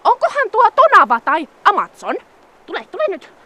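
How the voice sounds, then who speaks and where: Bright, lively woman coaxing an animal. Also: very high-pitched. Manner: coaxing, repeats words. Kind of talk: talking to an animal while leading it.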